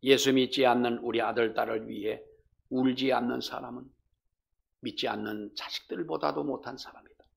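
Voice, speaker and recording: A male pastor with a gravelly voice, preaching a fervent sermon that swings between loud exhortation and hushed storytelling. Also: medium pitch, fairly even intonation, moderate pace.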